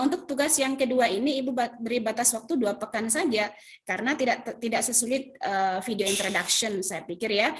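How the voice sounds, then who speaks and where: A woman English teacher patiently explaining an assignment and its grading step by step, with many fillers and self-corrections. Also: medium pitch. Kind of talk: recorded online class explanation.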